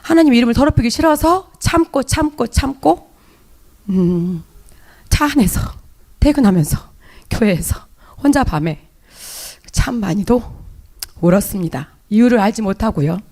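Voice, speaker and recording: A woman's voice: a little high, expressive, moderate pace, pauses often, a little mellow. A woman with a Jeolla Korean accent giving an emotional, confessional testimony in church, hesitating and restarting often. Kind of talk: spoken personal testimony in church.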